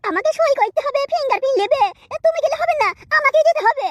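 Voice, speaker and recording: A woman's voice: very high-pitched, expressive, fast talker, no echo. A woman voicing an indignant, quarrelsome wife in a comic cartoon dub. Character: touchy, indignant young wife.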